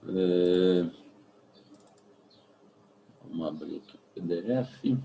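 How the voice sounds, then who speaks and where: A man with a Brazilian Portuguese accent, a physics teacher giving a remote class in a relaxed, chatty way, full of tag questions. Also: low-pitched, very slow, vocal fry, echoey room, a little hiss or hum, rough recording. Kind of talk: remote class, casual chat.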